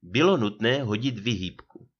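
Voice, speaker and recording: A man's voice: lowish voice, animated, husky, dull audio. A man reading a humorous short story aloud with dry, ironic delivery. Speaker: audiobook reader.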